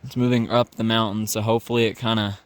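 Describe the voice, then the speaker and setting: A man casually narrating a rainy mountain hike outdoors, relaxed and chatty with a few fillers. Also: on the low side, fast talker, clear, resonant tone, no room sound. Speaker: hiking vlogger.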